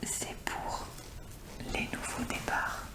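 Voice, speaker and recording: An ASMR video creator whispers slowly, right beside the listener's ear, in a breathy, unvoiced voice. Her show-and-tell is informal and chatty, kept soft and intimate throughout.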